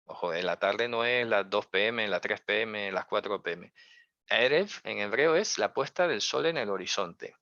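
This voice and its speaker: Man, lower voice, religious teacher, rhetorical questions, dry dull recording. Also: animated, normal speed, bright, forceful tone, no room sound. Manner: conversational, full of rhetorical questions and check-ins; careful, hedging his own interpretations. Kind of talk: explanatory lesson.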